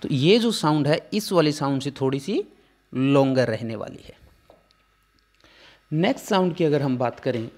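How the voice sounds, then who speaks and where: A man's voice: medium pitch, lively intonation, moderate pace, long pauses, darkish tone. A man teaching a phonetics lesson, explaining patiently step by step.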